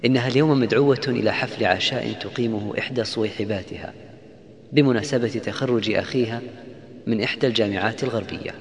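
A man's voice: medium pitch, big-room sound. A man narrating a moral story in a solemn storytelling cadence.

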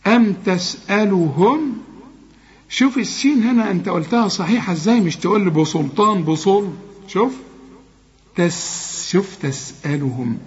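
An Egyptian man with a fairly high voice teaches recitation, correcting his student with patience. He demonstrates each sound slowly and carefully. The recording sounds dull and lo-fi. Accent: Egyptian Arabic.

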